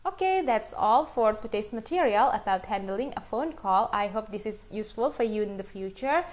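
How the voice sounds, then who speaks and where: A woman's voice: mid-range voice, animated, measured pace. A woman in her forties explaining a lesson as a teacher, mixing English phrases into her explanation.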